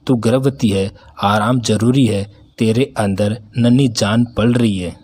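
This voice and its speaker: A man's voice: lowish voice, fairly even intonation, a little slow, a little mellow, slightly rough. A man voicing a stern middle-aged mother-in-law who scolds and commands in a storybook reading. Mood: caring.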